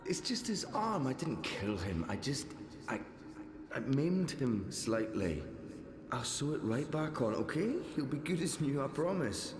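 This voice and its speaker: Loving, very expressive young father. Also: mid-range voice, a little slow. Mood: sheepish, reassuring. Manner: earnest, expressive, coaxing. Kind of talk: video game drama dialogue. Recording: echoey room with clear background noise.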